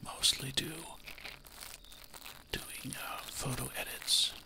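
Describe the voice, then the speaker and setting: A man whispering casual, chatty ASMR into a close microphone, breathy and soft, with self-amused asides. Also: slow. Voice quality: breathy whisper with creaky edges. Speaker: ASMR artist and host. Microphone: close microphone through an audio interface.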